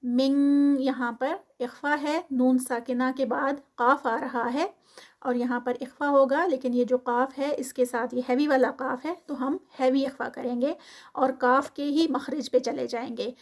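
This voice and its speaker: High-voiced woman teaching Quran recitation. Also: fairly even intonation. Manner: chants verses slowly, then explains rules briskly in Urdu-English mix. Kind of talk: tajweed lesson with slow recitation.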